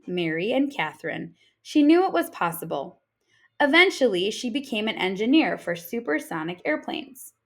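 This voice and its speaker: In a fairly high voice, a woman reads an informational picture book to children like a teacher, phrasing each line deliberately and expressively.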